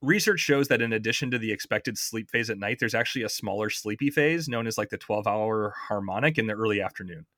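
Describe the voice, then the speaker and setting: A man's voice: lowish voice, quick pace, hardly any pauses, a bit bright, dry recording. Dry-voiced man explaining science casually. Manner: explains step by step, checks in with "right?". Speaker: podcast host explaining science. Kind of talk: casual explanatory podcast chat.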